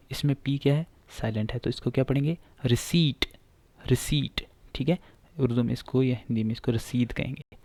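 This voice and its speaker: A man's voice: mid-range voice, vocal fry, darkish tone, no echo. A man teaching pronunciation, explaining patiently and repeating each word several times, with frequent filler sounds.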